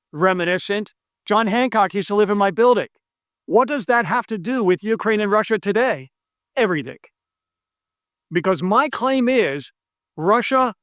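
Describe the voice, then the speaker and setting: An American monetary economist gives an earnest, persuasive video lesson to camera in an indoor room with brick and stone walls. His voice is kinda high with a fairly bright tone, the sound dry and close with no room sound. He's emphatic, keeps pushing and repeating his key claims, and stumbles over foreign names.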